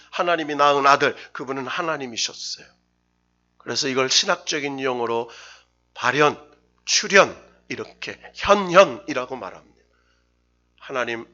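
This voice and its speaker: A man's voice: medium pitch, bright, forceful tone, lo-fi sound. A man preaching a Wednesday sermon as a pastor, stressing words and leading the congregation in reading scripture aloud. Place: church sanctuary.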